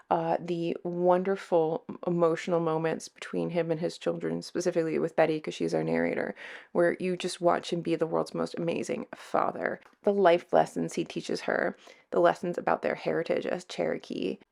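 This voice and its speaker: Woman book vlogger with a creaky, lower voice. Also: a little mellow. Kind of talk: casual vlog chat, book review.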